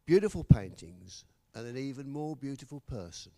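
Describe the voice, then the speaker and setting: A man's voice: mid-range voice, sing-song, moderate pace, dark tone, no echo, studio quality. A man hosting an art event who enthusiastically introduces the next artist on stage. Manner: enthusiastic, praising. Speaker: event host.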